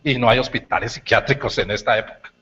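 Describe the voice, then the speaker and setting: A man giving a university lecture, telling stories with animated, shouted bits. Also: medium pitch, fast talker, dull audio. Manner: animated storytelling, shouts acted lines. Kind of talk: lecture talk.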